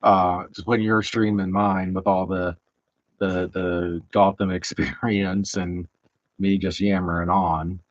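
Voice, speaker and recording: A man with a Southern drawl talks slowly and casually in a very low voice, rambling and trailing off between thoughts. His voice comes through a headset mic that sounds dull and dry, with little room around it. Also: flat delivery, dry recording. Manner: rambling, halting with many fillers. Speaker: streamer building Lego. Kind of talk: casual live-stream chat.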